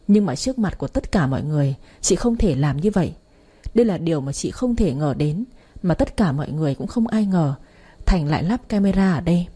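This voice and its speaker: A woman narrating a family drama story in a steady, dramatic reading. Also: fairly low pitch, husky. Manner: steady dramatic reading, voices quoted lines.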